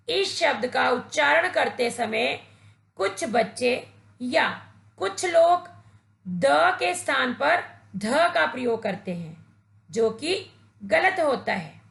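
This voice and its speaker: A woman's voice: high-pitched, expressive, slow pace, vocal fry, pauses often, fairly bright tone, reverberant. A woman teacher giving a patient, instructive grammar lesson to children, addressing them directly. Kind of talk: slow, deliberate Hindi grammar lesson for children.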